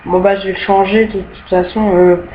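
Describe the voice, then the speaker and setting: On a dull lo-fi home mic with faint hiss, a young woman speaks at a moderate pace in a medium-pitched voice with little pitch movement. She casually tours her rooms in an online game for a screen recording, full of hesitations and quick to be annoyed by glitches.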